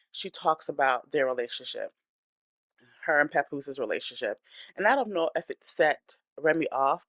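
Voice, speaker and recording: Hosting a celebrity gossip channel, a woman with a deep, slightly bright voice gives blunt, opinionated, chatty commentary, with no room sound in the recording. She sounds congested from a cold and breathes hard as she talks.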